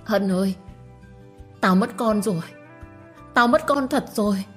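A woman's voice: medium pitch, measured pace, soft background music, pitched above the performer's own voice, lightly acted. A woman voicing a grief-stricken young wife who sobs and pleads as she speaks, in a read-aloud story. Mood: sobbing. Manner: sobbing and pleading. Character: young woman grieving a lost pregnancy.

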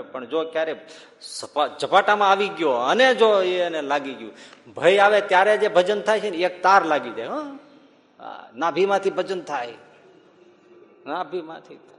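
A male religious storyteller delivers a devotional discourse in an animated storytelling manner. His voice sits a little high, and a long hall reverb follows his words.

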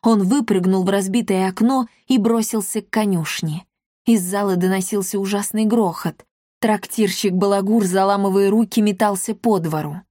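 A woman's voice: medium pitch, moderate pace, no echo, clean studio sound. Dramatic woman audiobook narrator. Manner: lively, dramatic storytelling. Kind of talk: expressive audiobook reading.

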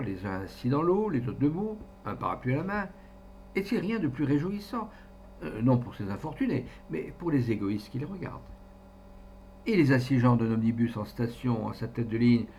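A man giving an expressive literary reading as an audiobook narrator, acting out voices along the way. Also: mid-range voice. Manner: animated, acts out the quoted voices. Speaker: audiobook reader. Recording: dull recording with faint hum.

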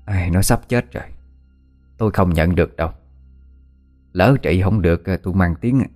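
A man's voice: low-pitched, normal speed, a little mellow, faint music behind, close to an everyday voice. A man voicing a stern, greedy older woman healer who speaks in a dismissive, matter-of-fact way.

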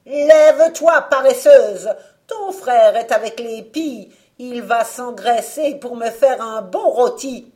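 A woman's voice: on the high side, very animated, takes it slowly, few pauses, voice pushed up. Woman putting on a fierce hideous old witch. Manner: loud, harsh, fierce. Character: hideous cruel old witch, tiny, ferocious.

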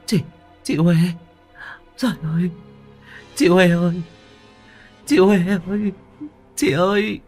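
A man's voice: on the high side, big pitch swings, a little fast, long pauses, slightly rough, soft background music, voice pushed up. A man doing a wailing young sister. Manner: wailing, pleading. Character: desperate young woman, loyal, grieving sister.

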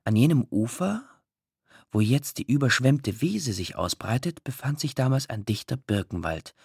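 A man reading a literary story aloud, expressive and emotional, with drawn-out pauses. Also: medium pitch, gravelly, breathy edge, dry recording, clean studio sound. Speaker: audiobook narrator. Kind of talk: scripted literary narration.

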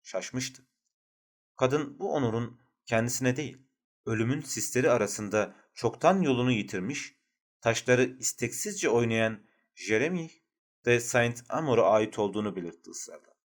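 A man narrating a literary novel as an audiobook, with a measured, even storytelling delivery. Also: mid-range voice.

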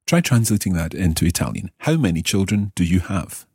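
A low-pitched man teaching a podcast language lesson, his voice lively and full of rises and falls. He has a slightly husky tone, recorded close and dry with no room sound. He talks in a clear, deliberate way and slows right down for example phrases. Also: no echo.

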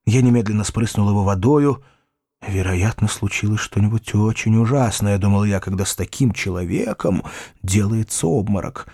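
A man reading a classic novel aloud as scripted narration, lively and expressive. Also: fairly low pitch, normal speed, breathy edge, dry recording, clean studio sound. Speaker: audiobook reader.

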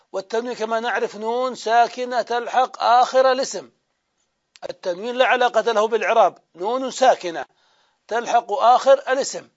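A man with a high voice teaching a grammar lesson, working through each point by asking a question and answering it himself. He stretches out the example words as he repeats them. The recording is dull and lo-fi. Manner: explains step by step, asks and answers his own questions; drawn-out repetition of example words. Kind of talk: classroom grammar lecture.

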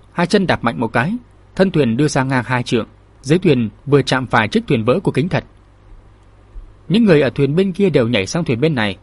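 A male storyteller narrates a martial-arts novel in a steady, measured way. His voice is husky and of middle pitch. The sound is dry and close. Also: no room sound. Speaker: storyteller, channel host.

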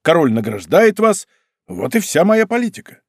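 A man's voice: sits high, very animated, normal speed, darkish tone, no room sound, clean studio sound, pitched above the performer's own voice. A man playing a shrewd, witty middle-aged musketeer captain who speaks slyly and persuasively in a raised tone, in a storybook reading.

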